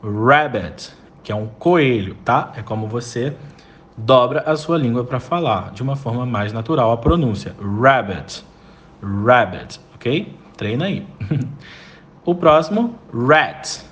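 A man teaching a list of English vocabulary words, saying each word slowly and repeating it for practice. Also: mid-range voice, animated, a little hiss or hum. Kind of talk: vocabulary lesson.

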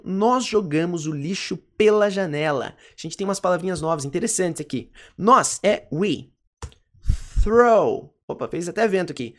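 An English teacher with a Brazilian accent, explaining grammar in a chatty way and slowing down to repeat each example phrase. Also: mid-range voice. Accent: Brazilian Portuguese. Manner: casual, chatty explaining with slang tags. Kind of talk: recorded language lesson.

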